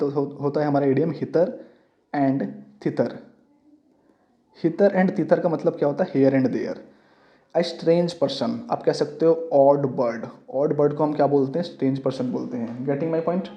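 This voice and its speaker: A man's voice: fairly high pitch, slow pace. A man teaching an exam-prep English lesson, mixing English terms into his explanations and constantly asking students questions that he answers himself. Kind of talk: classroom-style exam lesson. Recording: dull lo-fi audio.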